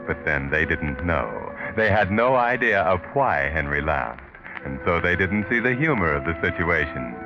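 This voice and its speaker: The Whistler, a very deep, ominous narrator. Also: male voice, very animated. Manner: ominous, deliberate, theatrical. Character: sinister, all-knowing male mystery narrator of the night. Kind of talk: 1940s radio mystery narration. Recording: dull vintage 1940s radio recording. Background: music.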